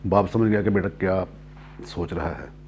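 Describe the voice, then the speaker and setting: A man telling a motivational story at an unhurried pace, repeating and rephrasing his lines as he goes and clearing his throat now and then. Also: low voice, fairly even intonation, darkish tone, slight background noise.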